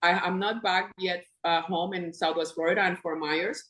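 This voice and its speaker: A woman in her fifties from Puerto Rico, a podcast guest in casual conversation, animated and laughing often as she talks. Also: on the low side, moderate pace. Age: 50s. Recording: echoey room.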